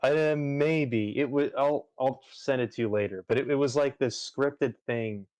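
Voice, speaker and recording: A man's voice: medium pitch, unhurried, darkish tone, dry recording. A man chatting casually on a livestream, rambling with lots of fillers and restarts. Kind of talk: casual chat while gaming on a livestream.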